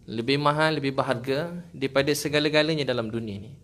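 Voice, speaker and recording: A man's voice: mid-range voice, fast, a bit bright. A man with a Malaysian Malay accent preaching to a gathering, telling stories with jokes and acted quotes. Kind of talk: religious talk to a gathering.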